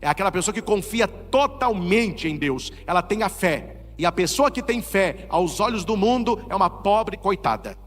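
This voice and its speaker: Lively high-voiced Brazilian priest preaching. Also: male voice, moderate pace, in a large hall. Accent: Brazilian Portuguese. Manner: animated preaching with rhetorical questions. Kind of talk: sermon.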